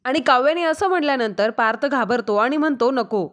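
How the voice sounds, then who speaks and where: A woman's voice: high-pitched, expressive, brisk, fairly bright tone. A woman narrating an episode recap of a TV serial in plain storytelling. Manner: plain storytelling with repeated linking phrases.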